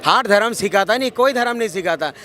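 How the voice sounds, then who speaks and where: A man's voice: high voice, lively intonation, brisk, pushed and bright. A man answering a reporter's questions on the street, talking over her insistently to make his point. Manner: insistent, keeps interrupting to be heard. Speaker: interviewee in street vox pop. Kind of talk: heated street debate. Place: outdoors on a city street.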